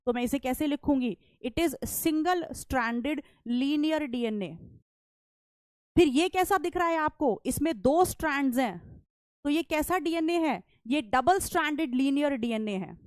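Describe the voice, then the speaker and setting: A woman teacher giving an online lecture, explaining step by step, asking questions and answering them herself, speaking softly and chatting with her students. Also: high voice, no echo. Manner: chatty, calls students "beta"; soft-spoken, won't shout.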